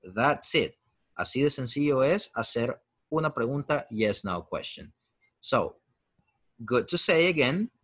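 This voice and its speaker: A man teaches English grammar in an encouraging, chatty way, switching between Spanish and English. Spanish is his first language. His pitch swings widely around a middle register as he drills example sentences. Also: very animated, measured pace, fairly bright tone, slightly rough. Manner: chatty, encouraging YouTube host. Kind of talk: lesson.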